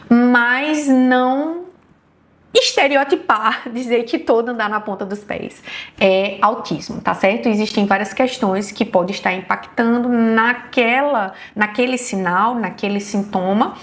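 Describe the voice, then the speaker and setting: Woman, Brazilian Portuguese accent, neurologist lecturer, explanatory teaching tone, frequent check-ins with listeners. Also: on the high side. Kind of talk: online health lecture.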